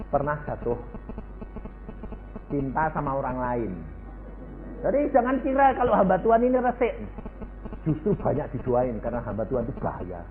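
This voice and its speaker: A man's voice: mid-range voice, phone-quality sound. An Indonesian preacher, telling folksy stories in a sermon to his congregation.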